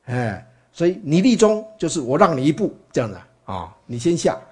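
A man's voice: a little high, very animated, moderate pace, slightly rough. A man giving a chatty Buddhist dharma talk as a teacher, full of fillers and rhetorical questions to his listeners. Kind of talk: dharma talk, storytelling lecture.

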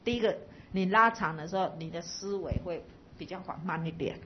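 A woman's voice: on the low side, fairly quick, muffled recording, a little hiss or hum. A woman Buddhist teacher giving a dharma talk to a live audience, explaining patiently and asking listeners to reflect.

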